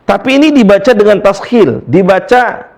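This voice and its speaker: A man teaching a casual recitation lesson, explaining rules and then chanting verses slowly and drawn out. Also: high-pitched, animated, vocal fry, a little mellow.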